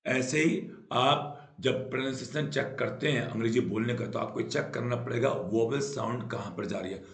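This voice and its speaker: A man's voice: medium pitch, reverberant. A man teaching English grammar in Hindi, explaining patiently, repeating key points and often checking with "right?". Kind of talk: Hindi-language grammar lesson.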